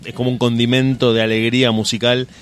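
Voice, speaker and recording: A man's voice: mid-range voice, level tone, fast. Talkative radio host man. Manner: long flowing sentences, friendly and talkative. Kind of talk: radio interview wrap-up.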